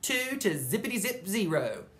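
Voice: mid-range voice, big pitch swings, moderate pace, a bit bright, voice pushed up. A reader voicing a boastful, bossy little girl in a children's book read aloud, taunting in a sing-song way. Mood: gloating.

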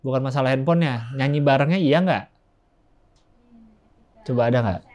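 A man's voice: mid-range voice, moderate pace, a little mellow, lo-fi sound. A man in a casual podcast chat who keeps asking curious questions.

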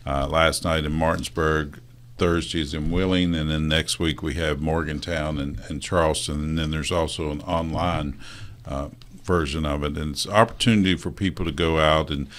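A middle-aged man from West Virginia, a union president guest on a local talk show, talking in a halting, earnest way with many restarts. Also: extremely low pitch, fairly even intonation, fairly bright tone. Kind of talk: casual studio talk show interview.

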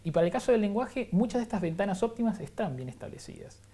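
A man's voice: high voice, sing-song, quick pace, warm tone. A man with a Rioplatense Spanish accent, explaining science as an interview guest, teaching with examples and frequent rhetorical checks. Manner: didactic, uses examples and rhetorical "¿no?".

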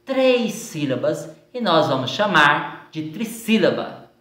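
Slow, patient Brazilian woman teacher. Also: deep voice, big pitch swings, fairly bright tone. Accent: Brazilian Portuguese. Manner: slow and patient, stretching words out syllable by syllable. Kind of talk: recorded lesson going over exercises. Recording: echoey room sound.

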